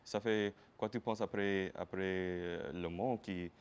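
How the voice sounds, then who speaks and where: A man with a Louisiana Cajun-Creole French accent hosting a casual interview, speaking haltingly and repeating his phrases. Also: low voice, steady tone, clean tone. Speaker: interview show host.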